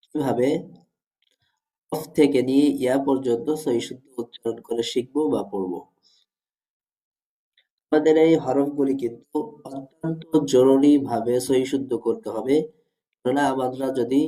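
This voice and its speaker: Male teacher for a recitation lesson; formal, patient, repetitive explainer with a warm, mellow voice. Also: mid-range voice, low-quality recording. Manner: methodical, addresses students formally, repeats points. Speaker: Quran pronunciation teacher.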